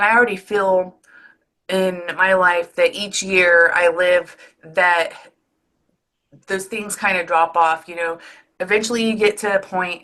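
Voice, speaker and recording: A woman's voice: mid-range voice, sharp tone. Woman, forties, podcast host, easygoing and reflective, mid-range voice. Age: 30s or 40s. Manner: reflective, loose, sprinkles fillers and mild swearing. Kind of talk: casual interview chat.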